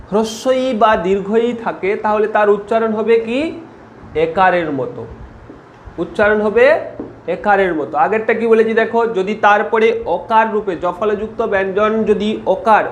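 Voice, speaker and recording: A man teaching a spelling and pronunciation lesson, asking rhetorical questions and repeating each rule slowly as if for dictation. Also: high-pitched, echoey room, a little hiss or hum.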